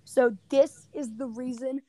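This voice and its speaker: Woman, slightly high voice, emphatic, opinionated, step-by-step explainer, faint hiss. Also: steady tone, unhurried. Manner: emphatic, opinionated, jumps in over the other speaker; lays out step-by-step strategy. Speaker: podcast co-host. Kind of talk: casual gaming chat.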